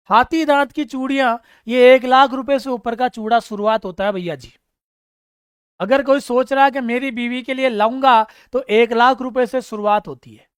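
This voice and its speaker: This man speaks in a high-pitched, smooth voice captured as clean studio sound with no echo. Leading a live exam-prep session online, he quizzes students, calls out their names with praise, and tells funny stories along the way.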